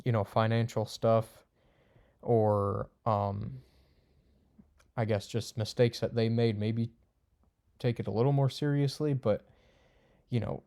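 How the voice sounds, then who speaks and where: A man's voice: lowish voice, fairly even intonation, slow pace, vocal fry, long pauses, dark tone. A young man giving casual, unscripted commentary to camera, blunt and crude, rambling with lots of fillers. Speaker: video creator ranking friend types.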